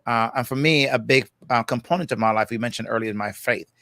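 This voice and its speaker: A reflective Jamaican man in his sixties is a guest in an easygoing, casual conversation, thinking aloud and often checking in with "you know" and "right." His voice is middle-pitched, pushed and bright, and he talks quickly. The recording is close and dry, with almost no room sound and no echo.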